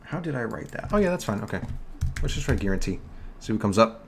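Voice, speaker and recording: A fairly low-pitched young man with a New York accent hosts a casual live tutorial, chatting to viewers and fixing slips as he goes. Faint keyboard typing sits behind his desk mic. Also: big pitch swings, fast, slight background noise. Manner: chatty, self-correcting, talks to chat while working. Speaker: livestream host teaching online store building.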